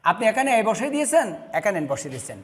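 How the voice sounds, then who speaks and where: A man's voice: high-pitched, sing-song, racing, long reverb tail. A male teacher with a Bangladeshi accent, explaining a lesson step by step and answering his own questions. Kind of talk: online classroom lesson.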